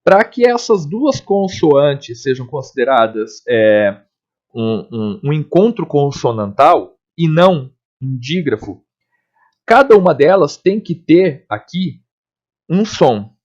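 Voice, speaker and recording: Lively male teacher, lo-fi. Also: a little high. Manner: explanatory, checks in with "tá?" and "ok?", spells out letters and sounds slowly. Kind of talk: recorded grammar lesson. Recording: dull lo-fi recording.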